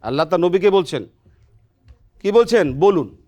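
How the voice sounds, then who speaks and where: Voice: mid-range voice, lively intonation, moderate pace, mellow, highs cut off. Patient television Quran teacher quizzing students. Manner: quizzes students, often adds a questioning "right?"; patient and encouraging. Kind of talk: children's Quran pronunciation lesson. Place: television studio.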